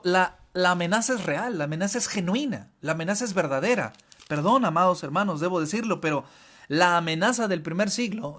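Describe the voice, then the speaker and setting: A Mexican man with a high-pitched voice delivers a sermon from the pulpit. He preaches with passion, hammering phrases through repetition and stumbling into restarts as he builds each point. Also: fairly bright tone. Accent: Mexican Spanish. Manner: impassioned, repetitive emphasis, frequent restarts. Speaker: pastor. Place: church.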